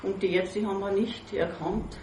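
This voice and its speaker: An older woman giving an earnest church testimony in short phrases, pausing after each one for her interpreter. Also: mid-range voice, fairly even intonation, warm tone, recorded from a distance, a little hiss or hum. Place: church hall. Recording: roomy hall, voice heard from off mic.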